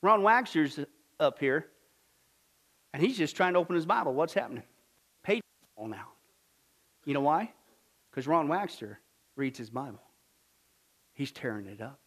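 A male pastor delivers a sermon in a high-pitched voice that swings widely in pitch. He exhorts his congregation with emphatic, repeated short phrases and pointed rhetorical questions. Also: animated, moderate pace, pauses often, a bit bright. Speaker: pastor preaching.

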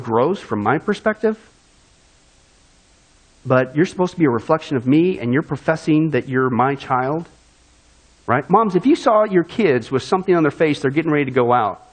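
A male pastor preaching a sermon in a folksy, animated way, acting out little asides to the congregation. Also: on the high side, slightly rough, poor audio.

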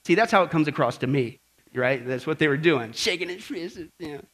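A man preaching a sermon as pastor in a church, lively and conversational, acting out voices and asking the congregation questions. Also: a little high, brisk. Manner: animated, acts out grumbling voices and asks the audience questions.

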